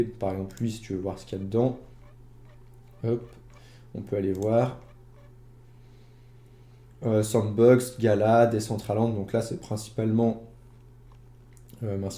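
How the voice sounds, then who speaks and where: Guy rambling thru his crypto app, lots of euh, dark mellow voice, echoey room. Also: on the low side. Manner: chatty, many fillers, addresses viewer directly. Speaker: investing YouTuber. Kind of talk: casual screen-share walkthrough.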